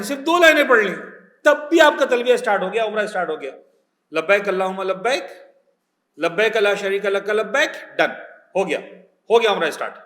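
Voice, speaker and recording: A man with a Pakistani accent teaching a religious class as a cleric, animated, mixing in English words and checking that his listeners follow. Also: high voice, reverberant. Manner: animated teacher, checks understanding with quick questions.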